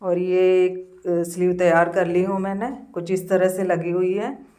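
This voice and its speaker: A woman with a hoarse voice from a cold, casually narrating her daily routine and walking through a sewing job step by step, with pauses and fillers. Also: on the low side, little pitch movement, mellow. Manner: slow, homely step-by-step explaining with many pauses and fillers. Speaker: home vlogger.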